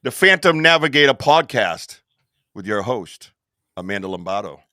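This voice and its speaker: A man hosting a casual live stream, chatty and excitable, laughing often and swearing casually. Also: medium pitch, normal speed. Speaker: podcast host on a live stream.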